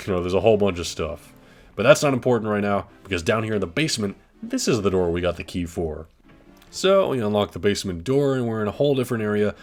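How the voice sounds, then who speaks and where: Low-voiced man casually commentating a game. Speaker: let's play host. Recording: game music behind the voice. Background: video game music.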